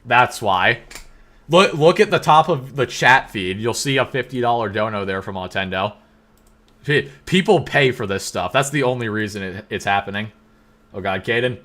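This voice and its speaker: Hosting a casual livestream, this young man has a medium-pitched, bright voice and a teasing streak. He reads chat messages aloud, firing off jokes and quick banter while laughing often.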